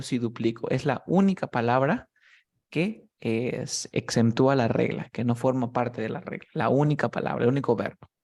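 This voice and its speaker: A man's voice: medium pitch, a little mellow. A young man teaching English grammar one-on-one, explaining each rule patiently and stopping often to check that his student follows.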